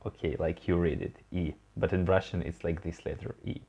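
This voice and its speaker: A man's voice: low voice, fairly even intonation, a little fast, creaky, dark tone, slightly rough. A man teaching a beginner language lesson online, patiently prompting a learner to repeat words and encouraging them.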